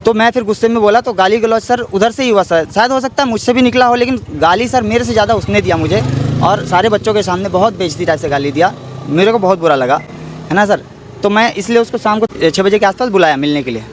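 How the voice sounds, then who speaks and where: A young man speaks quickly in a fairly high voice, pressing his side of a dispute. He answers a reporter's handheld mic outdoors in an emphatic, defensive way. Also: noisy background. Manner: defensive, emphatic, repeatedly says "sir". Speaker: interviewee, ITBP jawan and cricket coach. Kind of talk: street interview.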